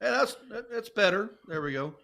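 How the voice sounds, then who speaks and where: A man with an Ozark accent chats as a casual sports commentator. His voice is fairly high for a man, with a bright, forceful edge. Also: lively intonation, a little fast, vocal fry. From Ozarks region of the United States.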